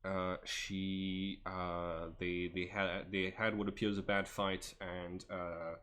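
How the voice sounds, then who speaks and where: A man's voice: sits low, flat delivery, slow pace, fairly bright tone. A man running a tabletop game as game master, hesitant, with many fillers and restarts.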